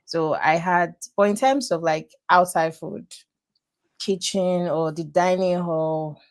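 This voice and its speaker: This young woman has a Nigerian accent and a lowish voice, and she talks slowly. Appearing as a student guest in a casual podcast interview, she speaks frankly and leans on emphatic repetition.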